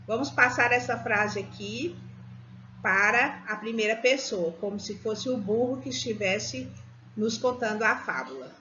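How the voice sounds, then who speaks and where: A woman, a primary school teacher giving a recorded remote lesson and explaining things slowly and patiently to children. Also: fairly high pitch, lively intonation, bright, forceful tone, slight background noise. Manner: slow, patient, speaks to children as "tia". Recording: dull lo-fi home recording.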